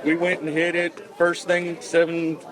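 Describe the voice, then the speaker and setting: Male angler interviewee, slightly high voice, agreeable and conversational storyteller, outdoor crowd clearly behind him. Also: completely flat delivery, unhurried. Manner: quotes dialogue while recounting, agreeable. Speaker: amateur angler being interviewed. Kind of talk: casual storytelling chat.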